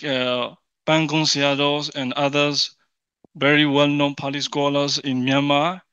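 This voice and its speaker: A man with a Burmese accent presenting an academic paper in English, halting and often repeating and rephrasing his words. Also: fairly high pitch, bright, forceful tone, smooth. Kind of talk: formal paper presentation in non-native English. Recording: dull, echoey room sound.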